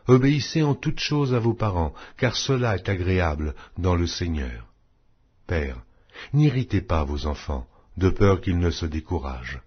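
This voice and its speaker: A man with a low, husky voice reads a Bible passage aloud from a script, solemn and declamatory. He keeps his phrasing measured but lets his pitch rise and fall widely, and the audio is a bit dull and lo-fi.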